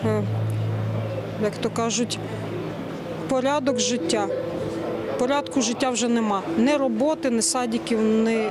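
A woman in her thirties, a refugee at a train station, speaking haltingly and searching for words. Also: fairly high pitch, over a noisy crowd. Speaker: refugee interviewee. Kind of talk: street interview. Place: outdoor train station platform.

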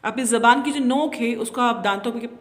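High-voiced woman teaching small children. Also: brisk, echoey room, in a large hall. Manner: patient, repeats "thik hai" often; speaks gently to small children. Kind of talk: children's Quran reading lesson.

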